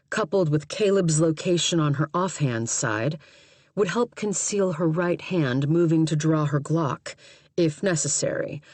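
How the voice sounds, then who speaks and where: A woman's voice: deep voice, a little mellow, no echo. Woman reading a thriller, dry close sound. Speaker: audiobook narrator. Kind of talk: scripted narration.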